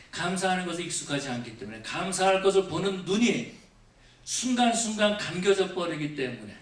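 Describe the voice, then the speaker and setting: A male pastor preaching a Thanksgiving sermon. He questions the congregation again and again and moves between raised emphasis and quiet, low asides. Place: church sanctuary. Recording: echoey church from far off.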